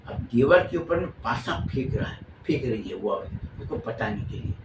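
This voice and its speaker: A man's voice: mid-range voice, animated, moderate pace, roomy sound, noisy background. A man casually telling a long story in spoken style, rambling and often repeating and recapping himself.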